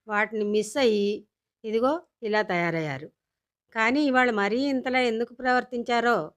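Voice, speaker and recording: Casting: a woman playing a sharp-tongued, practical mom, higher voice. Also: natural voice. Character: wry middle-aged mother, scolding and practical.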